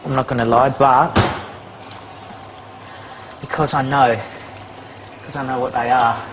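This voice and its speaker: A man's voice: medium pitch, fairly even intonation, measured pace, a bit bright. A man chatting casually and cheerfully in a home kitchen, a little out of breath and joking at his own expense. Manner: chatty, upbeat, self-mocking. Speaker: reality show participant. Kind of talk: casual talk to camera. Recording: noisy home recording.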